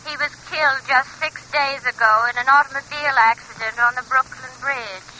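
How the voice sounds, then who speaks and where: A woman's voice: high-pitched, steady tone, moderate pace, sharp tone. A woman playing a prim, matter-of-fact lady answering a household telephone in a 1940s radio drama, polite and detached. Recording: faintly noisy vintage radio recording.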